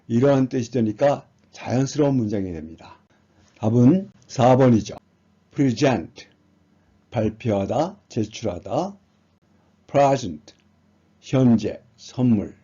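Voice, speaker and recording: A man's voice: mid-range voice, warm tone, breathy edge. A man teaching an exam prep lesson, patiently reading words and explaining them one by one. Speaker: English teacher. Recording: dull lo-fi sound.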